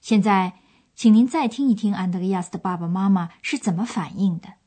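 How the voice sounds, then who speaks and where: A woman's voice: medium pitch, fairly quick, warm tone. A woman presenting a language course with scripted, explanatory storytelling narration.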